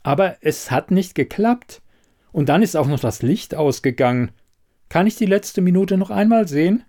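A man voicing an impatient, sharp-tongued woman investigator in a read-aloud story, with curt, pointed questions. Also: high voice, lively intonation, normal speed, voice pushed up. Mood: explaining.

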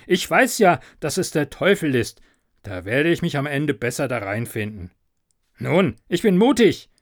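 A man voicing a boisterous, superstitious farmer who is easily fooled, speaking loudly and excitably in a dry recording. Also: a little high, measured pace, no echo. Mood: boastful.

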